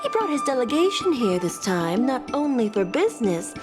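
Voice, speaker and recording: Voicing a palace secretary in a video game cutscene, a woman sounds poised, polite and formal against background music. She speaks at normal speed in a slightly high, sing-song voice.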